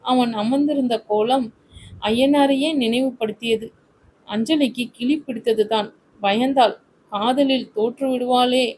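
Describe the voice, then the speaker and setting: A woman narrating a romantic family story in a steady, literary storytelling manner. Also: a little high, measured pace, a little hiss or hum, poor audio.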